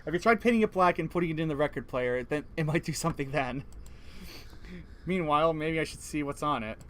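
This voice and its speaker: A man's voice: fairly high pitch, fairly quick, a bit bright, a little hiss or hum. A man reading a visual novel's text aloud, breaking off to joke and laugh. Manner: reads narration evenly, then jokes and laughs between lines. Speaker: let's play co-host reading game text.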